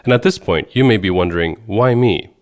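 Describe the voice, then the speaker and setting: A man from Sweden hosting a podcast, giving measured, earnest scripted narration. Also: on the low side. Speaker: podcast host.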